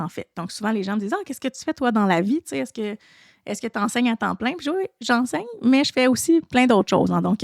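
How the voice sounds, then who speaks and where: With a mid-range voice, vocal fry and a slightly mellow quality, a woman with a Quebec French accent chats casually on her solo podcast as a French teacher. She makes many restarts and uses "tu sais" fillers. The studio sound is clean, with no room sound.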